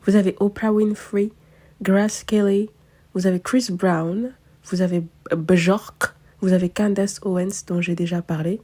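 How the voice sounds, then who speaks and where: A woman's voice: mid-range voice, a little mellow, husky. A woman, an astrologer chatting casually and self-mockingly, thinking aloud with many fillers. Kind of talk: casual chat to camera.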